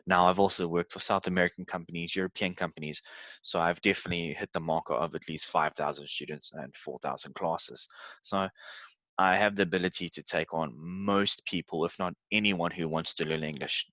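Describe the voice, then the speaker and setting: This English tutor from South Africa, a man in his thirties, shares his screen and talks through a presentation in a casual, conversational way, with frequent fillers. He speaks low and briskly, and the recording is dry with dull audio.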